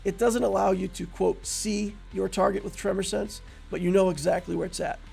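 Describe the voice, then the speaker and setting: A man explaining a tabletop role-playing character build in a casual, relaxed, conversational way, with frequent fillers. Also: high voice, brisk, creaky, husky, faint music behind. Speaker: tabletop game build creator.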